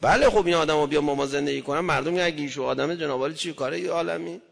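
A man preaching a religious sermon, shifting between hushed murmurs and loud impassioned cries. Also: on the high side, creaky, big-room sound.

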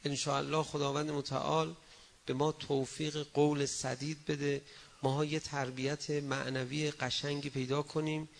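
A male preacher giving a religious sermon, exhorting his listeners, swinging between loud emphatic bursts and low asides, and acting out quoted people in a raised voice. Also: little pitch movement, gravelly.

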